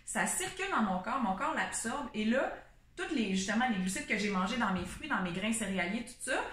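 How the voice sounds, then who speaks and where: A woman's voice: fairly high pitch, expressive, a little fast, fairly bright tone, reverberant. A woman with a Québécois French accent, a nutritionist co-hosting a casual chat, who explains things step by step and thinks aloud with restarts. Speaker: nutritionist co-host.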